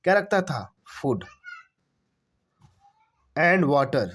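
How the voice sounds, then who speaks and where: A man's voice: on the high side, big pitch swings, very slow, a bit bright. A man teaching English translation. He asks questions and answers them himself, spells words out letter by letter and repeats each phrase. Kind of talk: translation lesson.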